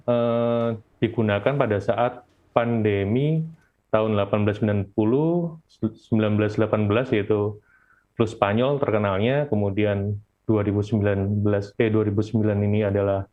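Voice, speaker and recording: Low-pitched Indonesian man muffled by face mask. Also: normal speed. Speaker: volunteer presenter. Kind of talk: informal webinar presentation. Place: at home. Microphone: video call. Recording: dull, lo-fi video call.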